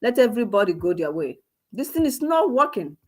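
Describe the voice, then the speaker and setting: A woman's voice: medium pitch, sing-song, brisk, darkish tone. A woman giving impassioned political commentary, scolding and firing off repeated rhetorical questions. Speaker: online commentator.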